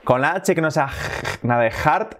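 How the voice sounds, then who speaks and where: Man, Spain Spanish accent, casual English lesson, animated pitch, slow drawn-out drills. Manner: slow, exaggerated pronunciation drills. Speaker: English teacher.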